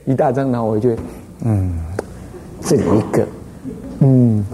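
A man with a Taiwanese Mandarin accent gives a lively Buddhist dharma lecture as an abbot. He tells stories and keeps asking the listeners rhetorical questions. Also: mid-range voice, measured pace, slight background noise. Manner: animated storytelling, frequent rhetorical questions.

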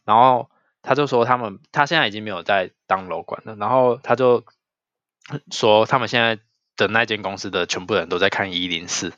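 Chatty low-voiced podcast guy. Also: fairly quick, a bit bright, no echo, muffled recording. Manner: chatty storyteller, laughs often. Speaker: podcast co-host. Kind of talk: casual chat.

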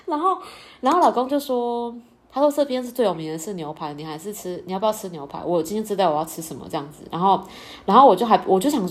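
Fast-talking woman telling a story. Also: mid-range voice. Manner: animated, laughs often, acts out quoted lines. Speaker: podcast host. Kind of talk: casual storytelling chat.

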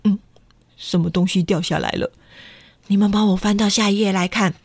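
A woman reading a picture book aloud to children in an animated way, often stopping to ask them questions. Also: mid-range voice, a little fast, no echo. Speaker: children's storyteller.

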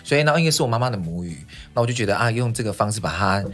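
A man's voice: on the low side, expressive, racing, a bit bright, soft background music. A man with a Taiwanese Mandarin accent, a songwriter guest chatting casually in an interview, often laughing and restarting his sentences.

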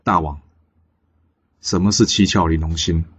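A man voicing a loyal old royal uncle, solemn, low and heavy. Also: normal speed, a little mellow, slightly rough, lo-fi sound. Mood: grave.

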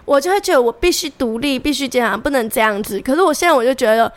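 A woman's voice: high voice, lively intonation, fast. A young woman co-hosting a podcast, telling a personal story in casual chat and acting out the voices of the people in it. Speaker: podcast co-host. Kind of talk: casual chat between friends.

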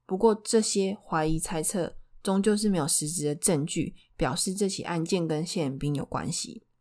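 True crime narrator, woman, slightly low voice, taiwanese mandarin accent, chatty storytelling with questions to the listener. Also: moderate pace, darkish tone. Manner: poses rhetorical questions to listeners.

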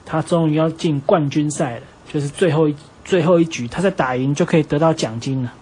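A man's voice: fairly high pitch, a little fast, slightly rough. A man doing a proud hot-headed tiger wrestler. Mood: relieved. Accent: Taiwanese Mandarin. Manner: loud heroic outbursts. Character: brave male tiger wrestler, proud and loyal.

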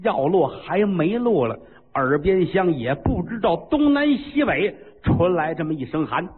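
A man telling a traditional story in a vivid, animated way, acting out sound effects. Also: sits high, unhurried, breathy edge, faint music behind. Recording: tinny phone-like with long reverb.

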